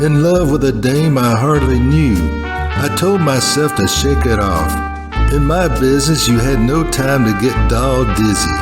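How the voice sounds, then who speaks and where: A man puts on a hardboiled noir hero narrating a parody radio drama. He is deadpan, terse and slangy, with a mid-pitched voice and prominent music underneath. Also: close to an everyday voice. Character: self-important hardboiled male private-eye type, slangy bank manager. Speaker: narrator and lead character.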